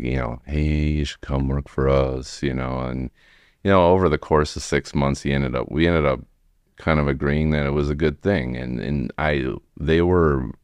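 A man in his forties with an American accent, telling his story casually in a halting, rambling way as an interview guest. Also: extremely low pitch, smooth, dry recording. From United States, Wisconsin. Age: 40s. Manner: rambling, halting, frequent "you know". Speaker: podcast guest, remodeling tradesman.

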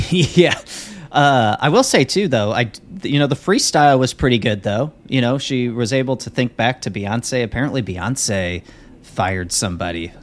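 A man's voice: medium pitch, moderate pace. A man co-hosting a podcast in casual chat, rambling with lots of fillers and restarts. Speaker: podcast co-host.

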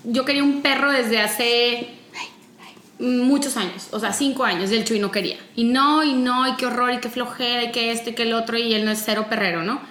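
A woman's voice: a little high, steady tone, a little fast, a bit bright, echoey room. A woman with a Mexican accent telling a story in a casual chat and quoting the people in it. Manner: chatty storytelling with quoted dialogue.

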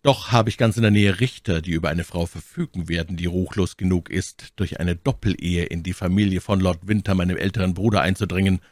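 A man voicing a cold, mocking English lord in an audiobook reading, with coolly sarcastic, measured threats. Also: deep voice, fairly even intonation, darkish tone, no echo, studio quality, natural voice. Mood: menacing.

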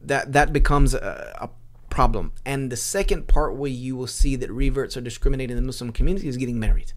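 A man talking as a podcast guest in a casual chat, earnest and animated, with frequent restarts. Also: medium pitch, fairly quick. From United States.

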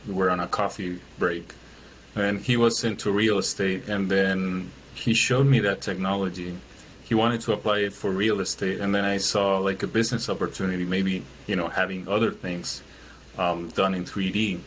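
A man's voice: sits low, level tone, moderate pace, fairly bright tone, slight background noise, low-quality recording. A man from Chile, a guest in an interview, talking casually with many fillers and restarts. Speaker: guest, business owner.

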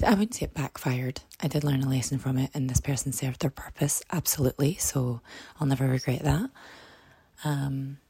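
Podcast host, female: very husky, croaky frog voice, gravelly and hoarse, earnest self-help delivery. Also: deep voice, warm tone, dry recording. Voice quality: croaky, froggy voice. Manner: earnest, reassuring advice-giving. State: hoarse, voice partly lost.

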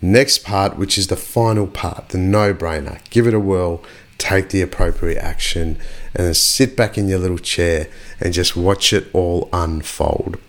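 A man's voice: low-pitched, steady tone, measured pace. A man hosting a podcast, giving a casual and profane motivational monologue full of emphatic repetition. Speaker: podcast host.

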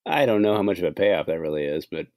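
A man's voice: deep voice, animated, quick pace, darkish tone, no echo. A man co-hosting a podcast in casual chat, rambling and laughing. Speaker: podcast co-host.

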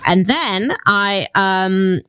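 A woman co-hosting a podcast, telling a story in animated, casual chat and laughing often. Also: mid-range voice, extremely slow, smooth, no room sound. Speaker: podcast co-host.

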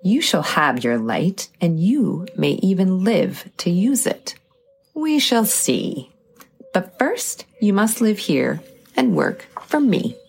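Lady doing a gruff old storybook witch, sly and bossy, slow and gravelly, music behind. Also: on the low side, very animated, voice pushed up, heavily acted. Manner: commanding and mocking.

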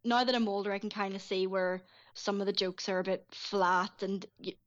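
A woman guest on a casual film podcast speaks at a middle pitch. She chats easily and giggles often. Her audio sounds dull and lo-fi. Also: fairly even intonation, moderate pace. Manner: giggly, chatty.

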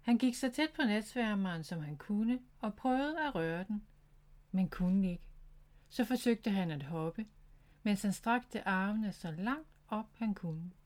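A woman narrates a children's storybook in a gentle, clear reading voice. Her pitch sits in an ordinary middle range. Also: animated.

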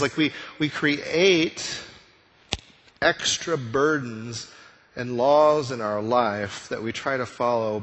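A man's voice: medium pitch, fairly bright tone. A male pastor preaching a conversational sermon, full of rhetorical questions. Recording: long reverb of a church hall.

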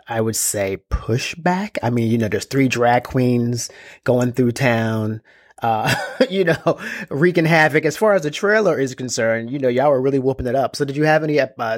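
Relaxed slangy male interviewer, dry sound. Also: medium pitch, no echo. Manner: relaxed, slangy, laughs easily. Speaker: interviewer, host. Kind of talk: casual interview.

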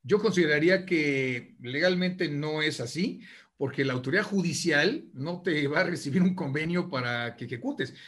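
Guy lawyer on a panel, bit high voice, goes on explaining, lots of restarts. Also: fairly bright tone. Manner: explanatory, repeats words at the starts of phrases.

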